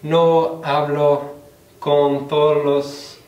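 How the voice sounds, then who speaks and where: A young man presents to his class, speaking slowly and carefully with frequent pauses. His voice sits a little high. The recording is roomy and echoey, with the mic some distance from him. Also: little pitch movement, darkish tone. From United States. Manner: slow, careful learner's delivery with pauses. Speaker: student presenter. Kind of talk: class presentation on Spanish slang.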